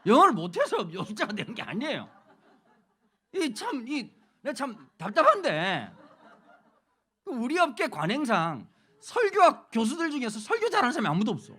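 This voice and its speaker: With a very high-pitched, husky voice and brisk delivery, a middle-aged male pastor from Busan, South Korea, delivers a sermon lecture full of humor. He keeps it lively, joking around and addressing questions to his listeners.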